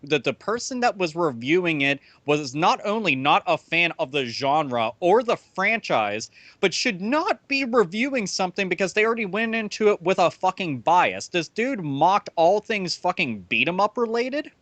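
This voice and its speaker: A man's voice: sits high, sing-song, normal speed, few pauses, a bit bright, no room sound. A man chatting casually about video games as a podcast host, ranting emphatically with plenty of swearing. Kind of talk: casual gaming chat.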